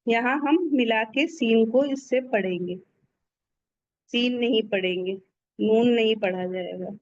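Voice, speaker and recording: Woman, teacher, slow deliberate pace, slightly high voice, dull lo-fi audio. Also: a little mellow. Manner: slow explanation with drawn-out recited letters. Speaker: Quran recitation teacher. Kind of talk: online lesson.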